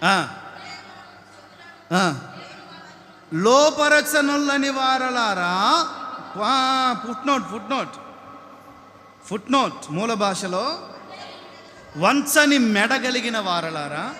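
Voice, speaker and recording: A man preaching a sermon to a congregation, speaking emphatically, rising to shouts and calling on listeners to respond. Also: very high-pitched, lively intonation, extremely slow, long pauses. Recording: echoey hall with long reverb.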